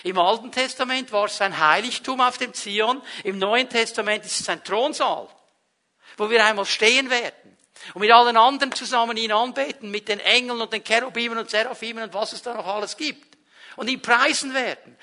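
A man preaching a sermon at a church service, swinging between loud emphasis and hushed, quiet passages, and acting out quoted prayers. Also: very high-pitched, normal speed. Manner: acts out quoted prayers and voices.

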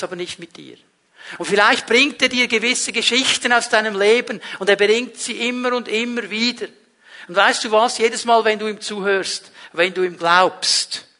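A man preaching a sermon at a church service, swinging between loud emphasis and hushed, quiet passages, and acting out quoted prayers. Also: sits high. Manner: acts out quoted prayers and voices.

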